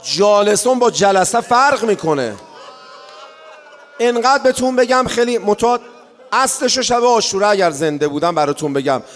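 High-voiced man preaching a lament. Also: a little hiss or hum. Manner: chanted storytelling rising to wailing shouts. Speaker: mourning preacher. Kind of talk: lamenting religious sermon. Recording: reverberant hall.

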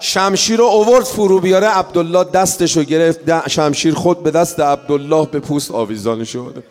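A man giving a mourning sermon, chanting the story and rising into wailing shouts. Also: on the high side. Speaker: mourning preacher. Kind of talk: lamenting religious sermon. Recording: reverberant hall.

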